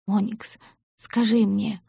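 A woman voicing a tender lordly man murmuring softly to his lover, in an audiobook. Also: medium pitch, level tone, slow pace, gravelly, slightly rough, no room sound, dull audio, heavily acted. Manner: soft, murmuring.

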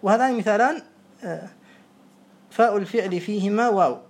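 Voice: mid-range voice, brisk. Methodical teacher quizzing a student. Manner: methodical explaining, repeating examples and quizzing a student. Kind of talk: classroom lesson.

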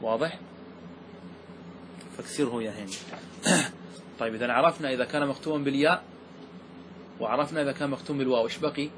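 A man teaching grammar, asking the class questions and slowing down to stress key words. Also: medium pitch, noisy background. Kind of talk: classroom lesson explaining verse.

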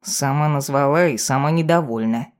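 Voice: mid-range voice, normal speed, close to an everyday voice. A reader voicing a self-important male talking cat familiar who grumbles and lectures his mistress in an audiobook. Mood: bossy, lecturing. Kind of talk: audiobook character voice.

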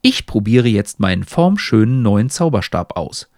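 A man's voice: fairly low pitch, big pitch swings, a little slow, darkish tone, dry recording, studio quality. A man voicing a grumpy, impatient fellow who grumbles and answers sarcastically. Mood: grumbling.

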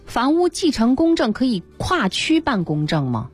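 A woman's voice: fairly high pitch, huge pitch swings, normal speed, soft background music. A woman hosting a radio programme in a conversational style.

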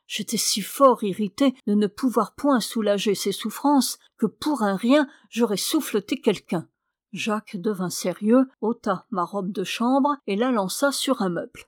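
A woman narrating a novel in a measured, expressive audiobook reading. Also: medium pitch, no room sound, clean studio sound. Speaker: audiobook reader.

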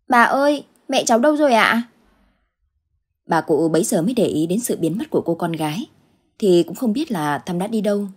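A woman narrating a ghost story in steady, measured scripted storytelling. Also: on the low side, breathy edge.

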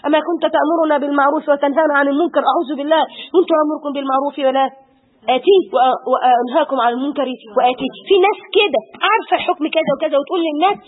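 A woman's voice: high-pitched, rapid-fire. A middle-aged woman with an Egyptian Arabic accent giving an Islamic lesson, fervent and full of pious exclamations. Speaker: religious teacher. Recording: tinny phone-like audio.

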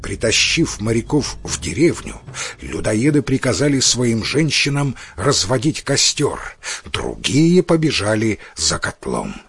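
A man reading a fairy tale aloud in a dramatic, expressive storytelling voice. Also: mid-range voice, a little slow, gravelly, breathy edge. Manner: dramatic, lively.

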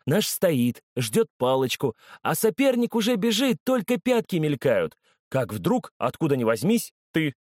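A man voicing a stout older sports fan with a cane who talks loudly and excitedly in a children's audiobook. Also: fairly high pitch, measured pace, dry recording, clean studio sound, pitched above the performer's own voice. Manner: loud, exclamatory, storytelling with rising excitement.

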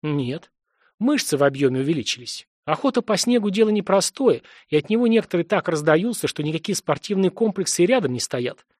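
A man's voice: sits high, sing-song, brisk, darkish tone, no room sound, voice pushed up. A man reading the part of a stern, commanding grandmother who talks curtly with dry irony. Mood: brisk. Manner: curt, bossy, dryly ironic.

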